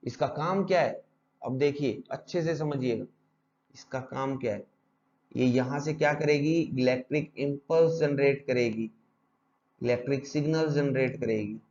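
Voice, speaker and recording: Male teacher, mellow tone, muffled lo-fi audio; drills terms with repeated questions. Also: mid-range voice, moderate pace. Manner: repetitive drilling with rhetorical questions. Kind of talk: exam-prep lecture.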